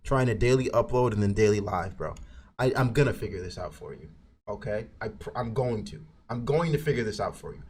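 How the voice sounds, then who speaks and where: A young man with a lisp chatting casually on his live stream, hyper and excitable as he reacts to videos. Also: lowish voice, a little fast, slight background noise.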